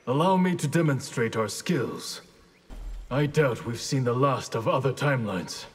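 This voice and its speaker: In a fighting game's pre-fight dialogue, a stern, solemn ninja clan leader speaks every line formally, bound by honour. His husky, mid-pitched male voice is expressive and unhurried.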